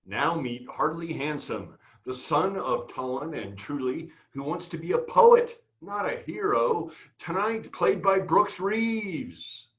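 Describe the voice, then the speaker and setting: A man's voice: fairly high pitch, expressive, takes it slowly, hardly any pauses. A man announcing a cast in a theatrical show introduction.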